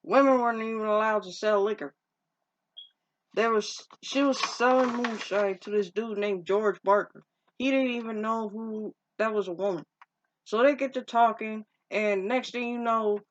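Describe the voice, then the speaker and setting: Woman, casual movie recap, unhurried, rambling with restarts, dull lo-fi sound. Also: mid-range voice. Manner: rambling and informal, with frequent restarts and slang. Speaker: movie reviewer. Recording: dull lo-fi recording.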